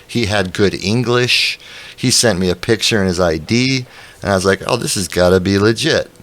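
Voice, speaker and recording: A man's voice: on the low side, moderate pace, a bit bright. A man hosting a casual chat stream, talking conversationally with frequent fillers. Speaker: stream host.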